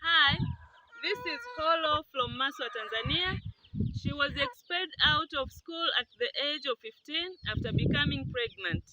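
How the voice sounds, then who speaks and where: A woman's voice: high voice, normal speed, background noise. A woman giving a short, matter-of-fact spoken introduction. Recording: voice over clear background music.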